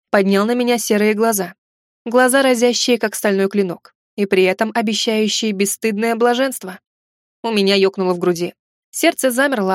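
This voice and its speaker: A woman reading a first-person audiobook with lively, ironic storytelling. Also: medium pitch, no room sound, studio quality. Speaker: audiobook narrator.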